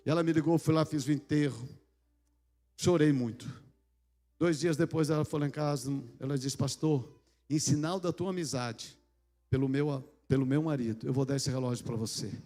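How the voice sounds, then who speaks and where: A middle-aged Brazilian pastor with a fairly high voice tells a story from the pulpit. He acts out conversations with God and drops in joking asides. The sound rings out with the long reverb of a big church hall. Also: steady tone, moderate pace, warm tone. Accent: Brazilian Portuguese. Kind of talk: storytelling sermon.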